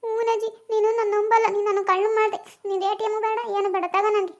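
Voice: very high-pitched, level tone, very fast, highs cut off. A performer voicing a young grandson in a comedy cartoon, sulking at his grandmother and then coaxing her. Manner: sulky, reproachful.

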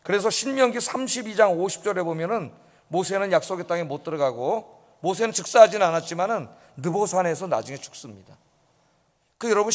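High-voiced male pastor preaching in a reverberant church. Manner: emphatic preaching, rhetorical questions to the congregation. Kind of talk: sermon. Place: church sanctuary.

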